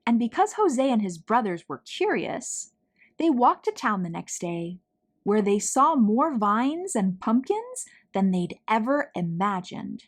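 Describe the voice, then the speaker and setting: Using a mid-range voice, a woman tells the story of a picture book to children in a deliberate, dramatic read-aloud, stressing certain words.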